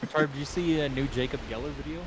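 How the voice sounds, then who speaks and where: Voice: medium pitch, racing, background noise. A guest on a voice call joking along in casual chat. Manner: joking, chatty.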